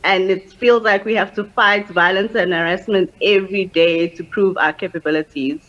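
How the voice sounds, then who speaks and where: A young woman speaks as a guest in a webinar interview. Her voice sits at a middle pitch. She answers in a soft, measured way. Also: steady tone, lo-fi sound. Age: young adult.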